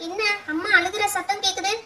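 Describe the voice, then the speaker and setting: A woman's voice: very high voice, level tone, brisk, pushed and bright, heavily acted. A woman voicing a small innocent daughter who eagerly begs her mother, in a doll show. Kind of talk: doll pretend-play voice acting.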